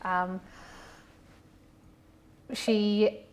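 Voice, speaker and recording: A woman guest in a casual interview during a hot wing challenge, speaking haltingly with many restarts. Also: mid-range voice, flat delivery, slight background noise.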